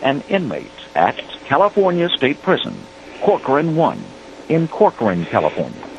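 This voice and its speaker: A man's voice in a recorded announcement played over a payphone line, delivered in an even, formal announcer manner. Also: medium pitch, moderate pace, creaky. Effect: recorded message over a payphone line. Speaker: automated prison call announcement. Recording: muffled phone line, faint hiss.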